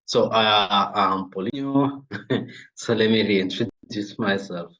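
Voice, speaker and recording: Deep-voiced young Congolese man, halting. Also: a bit bright, lo-fi sound. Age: young adult. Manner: halting, many fillers and restarts. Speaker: guest, refugee-led organization founder. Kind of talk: interview conversation.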